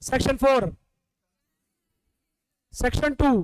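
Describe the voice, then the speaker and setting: Male classroom tutor from India, high voice, unhurried drilling delivery, teasing scolds. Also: flat delivery, dry recording, rough recording. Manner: scolding, quizzing students, calling them beta. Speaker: teacher. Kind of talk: classroom revision lecture.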